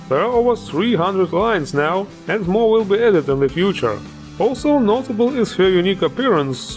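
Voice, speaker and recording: A man hosting a game mod showcase, upbeat and joking, with plenty of enthusiasm. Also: on the high side. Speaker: host.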